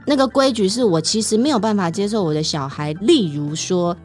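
A middle-aged woman with a Taiwanese Mandarin accent, co-hosting a podcast in casual chat and answering quickly with agreement. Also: mid-range voice, lively intonation, faint music behind. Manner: warm, agreeing listener, quick reactions. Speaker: podcast co-host.

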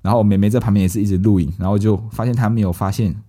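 A Malaysian man hosts a podcast, telling a lively anecdote in a lowish voice at a racing pace. He tells the story casually and acts out the lines of the family members he quotes.

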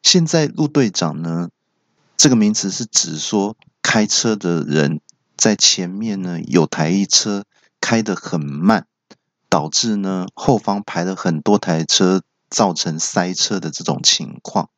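A man from Taiwan, hosting a comedy podcast and telling self-mocking stories in a deadpan way. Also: low-pitched, measured pace, no room sound, lo-fi sound. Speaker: podcast host. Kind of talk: comedy monologue.

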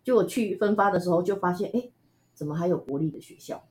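Taiwanese woman chatting away in an interview, lowish voice, laughs a lot, lots of fillers. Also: fast. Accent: Taiwanese Mandarin. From Tainan, Taiwan. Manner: chatty, animated, laughs often, many fillers. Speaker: interview guest, musician. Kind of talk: casual storytelling interview.

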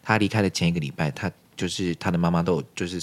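A man's voice: sits low, rapid-fire. A man co-hosting a casual podcast chat, telling stories animatedly and acting out the dialogue. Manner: animated storytelling, acting out quoted dialogue, frequent laughter. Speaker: podcast co-host.

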